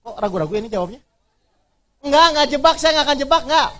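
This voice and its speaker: An Islamic preacher leads an interactive religious workshop, quizzing his audience with rhetorical questions and repeating key phrases to drive his points home. His voice is extremely high, animated, fast, bright and forceful.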